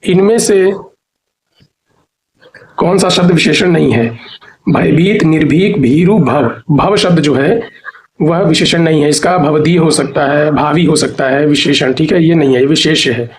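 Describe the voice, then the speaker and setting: A man's voice: a little high, unhurried. A man teaching an exam preparation lesson who reads out word lists and repeats each answer. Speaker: Hindi teacher.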